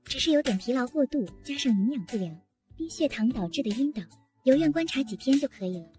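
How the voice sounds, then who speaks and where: A woman voicing a polite hospital doctor who calmly explains things. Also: sits high, fast talker, soft background music.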